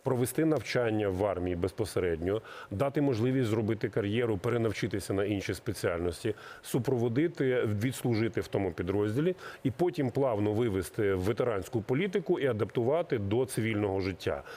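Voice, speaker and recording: This middle-aged recruiting official for the military has a fairly low pitch and a warm, expressive tone. He responds to interview questions carefully and explanatorily, often pausing to hesitate.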